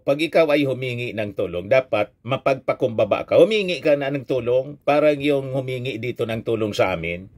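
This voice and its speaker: Filipino man, news commentary vlog, opinionated, repeats himself for emphasis, mid-pitched voice. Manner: opinionated, reads English news aloud, repeats phrases for emphasis.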